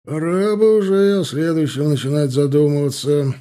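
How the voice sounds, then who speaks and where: A man reading an audiobook, voicing a pompous older general who gives booming speeches to his troops. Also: steady tone, moderate pace, mellow, close to an everyday voice. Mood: jovial. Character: pompous older male general, regiment chief.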